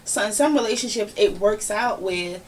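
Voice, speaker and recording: A woman hosting a casual podcast, giving her opinions in a lively, ranting, conversational way. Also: mid-range voice, moderate pace. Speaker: podcast host. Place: home room, relaxed podcast setting. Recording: somewhat distant mic with faint background noise.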